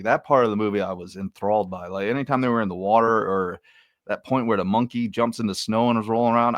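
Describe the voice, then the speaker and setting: Man, co-host, measured, lower voice, dry sound. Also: a bit bright, no echo. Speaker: podcast co-host. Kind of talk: casual film review chat.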